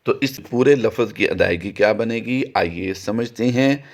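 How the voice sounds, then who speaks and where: A man teaching Quran reading in a recorded tajweed lesson, explaining patiently and chanting each sample word long and high. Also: measured pace, creaky, a little mellow.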